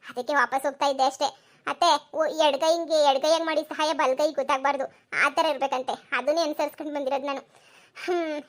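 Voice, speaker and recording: A woman's voice: sits high, natural voice. A woman voicing a kind forgiving young woman. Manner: soothing, reassuring. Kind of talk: cartoon voice acting.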